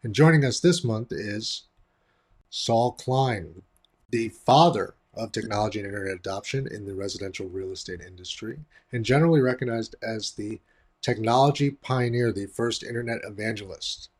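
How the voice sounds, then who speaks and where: A low-voiced man hosts a real estate roundtable on a video call, reading a measured, scripted introduction. His audio sounds muffled and boxy, as if he were speaking from inside a closet.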